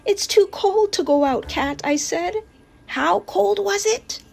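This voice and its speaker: With music playing behind her, a woman hosts a children's read-aloud, drawing out descriptive words with playful, exaggerated emphasis. Her voice is very high yet darkish in tone, with vocal fry, and she takes her time.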